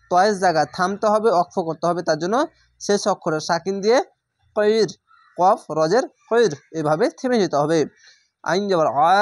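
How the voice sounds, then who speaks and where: A man teaching Quran reading, spelling out each word letter by letter and then reciting it slowly and drawn out. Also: high voice, no room sound. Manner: slow drawn-out chanted recitation between plain explanations.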